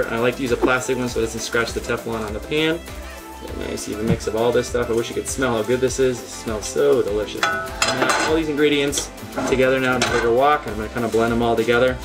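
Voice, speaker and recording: This man in his thirties leads a home cooking demo, his medium-pitched voice offering earnest instructions one step at a time alongside deadpan jokes. Music plays under him, and a lapel mic records him in his home kitchen.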